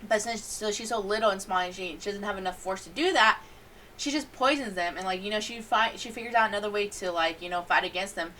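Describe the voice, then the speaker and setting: A young adult woman giving a casual, rambling anime review, animated and giggly as she tells stories. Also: medium pitch, fast talker, recorded from a distance, a little hiss or hum.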